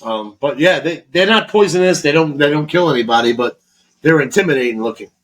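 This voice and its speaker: Man, podcast co-host, from Florida, casual rambling chat, heavy swearing, slightly raised pitch. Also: expressive, fairly quick, a bit bright, low-quality recording. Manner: rambling and heavily profane, with many restarts.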